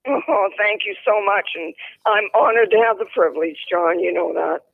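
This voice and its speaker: A woman's voice: medium pitch, normal speed, creaky, phone-quality sound. A woman co-hosting a livestream in casual chat over a remote call with thin audio. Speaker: podcast co-host.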